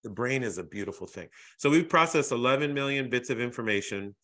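A podcast host from Boston, USA, chats casually in an interview, often repeating words as he searches for the right phrasing. His mid-range voice is expressive, slightly bright, and quick-paced.

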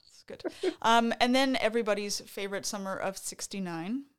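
Recounting a concert in casual podcast chat, this Canadian co-host is playful and dryly teasing. She talks briskly, with a smooth, mid-range voice.

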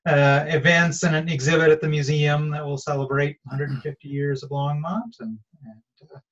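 A man speaking as a local history guest over a video call whose audio glitches and cuts out, talking haltingly with fillers. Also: on the high side, flat delivery, a bit bright, highs cut off. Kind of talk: casual remote interview.

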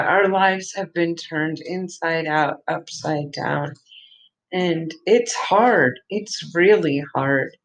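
A middle-aged woman talks alone, chatty and digressive, laughing at herself as she goes. Her voice sits a little low and stays flat and monotone. She takes her time, drifting slowly from one thought to the next. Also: low-quality recording. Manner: chatty, self-deprecating, digressive. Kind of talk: rambling solo monologue.

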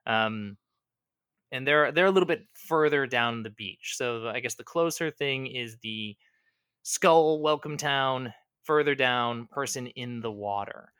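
A man's voice: mid-range voice, unhurried, a bit bright, clean tone, no room sound, clean studio sound. A man narrating as game master of a tabletop game, rambling along with fillers and self-corrections.

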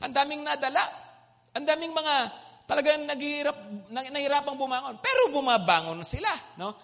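A male preacher giving an animated sermon, mixing in English phrases and checking in with the crowd. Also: very high voice, a little fast, gravelly. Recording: long hall reverb.

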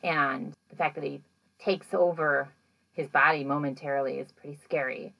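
A woman recapping a paranormal show in a loose, chatty podcast style. Her voice sits low and has a gravelly fry to it. She rambles through the story with plenty of "like" and "you know," and livens up when she acts out the moments. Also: moderate pace, rough recording. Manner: animated when acting out moments. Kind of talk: casual episode recap.

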